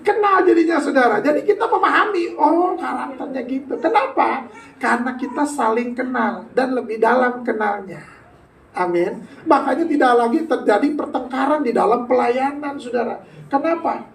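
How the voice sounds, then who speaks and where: A man's voice: very high-pitched, normal speed, a little hiss or hum. Male pastor, sermon, playful banter with the congregation, casual slang, echoey church hall, heard from a distance. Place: church sanctuary.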